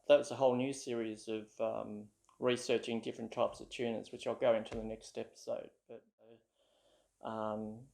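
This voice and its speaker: A man's voice: mid-range voice, vocal fry, a little mellow. An Australian man telling a casual, rambling story to camera, with plenty of ums and uhs. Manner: rambling, with many fillers. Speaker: ukulele vlogger.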